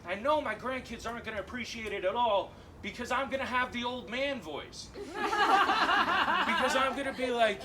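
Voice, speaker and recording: A man's voice: extremely high pitch, brisk, sharp tone, distant mic. A young man doing a loose stand-up set, swearing and laughing through his punchlines, on a handheld stage mic. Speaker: stand-up comedian. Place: comedy club stage with live audience. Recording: live room noise clearly audible.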